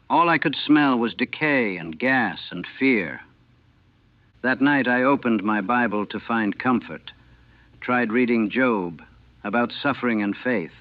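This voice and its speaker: A man, a former army chaplain from the United States, recalling the war in a grave, measured and haunted way, heard on an old archival recording. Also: mid-range voice, no echo. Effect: old archival recording, narrow and tinny. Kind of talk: solemn first-person recollection. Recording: tinny, dry, lo-fi old recording.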